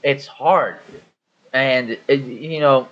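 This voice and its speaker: A man's voice: mid-range voice, very slow. A man co-hosting a podcast, telling a rambling story full of swearing in casual chat. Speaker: podcast co-host. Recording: dull audio with faint hiss.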